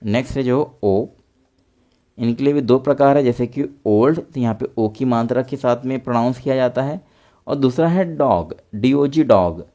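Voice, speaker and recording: A man's voice: medium pitch, normal speed, mellow. A young man patiently explaining English pronunciation step by step, speaking as a teacher in a lesson.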